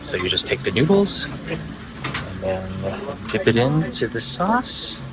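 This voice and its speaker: A man's voice: mid-range voice, sing-song, unhurried, poor audio. A man hosting a food vlog, giving casual, informal and enthusiastic commentary on what he eats. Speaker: food vlogger and host.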